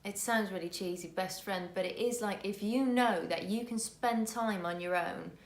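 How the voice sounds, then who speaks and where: A woman's voice: medium pitch, moderate pace. Woman, 30s, native Dutch, from the Netherlands; earnest casual vlog host, mid-range voice, roomy echo. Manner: earnest, restarts words often.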